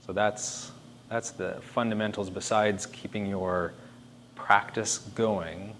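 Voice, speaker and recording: A man's voice: lowish voice, fairly even intonation, takes it slowly, fairly bright tone. A man giving an informal presentation, conversational and emphatic as he thinks aloud. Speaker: speaker presenting disaster planning. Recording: faint background noise.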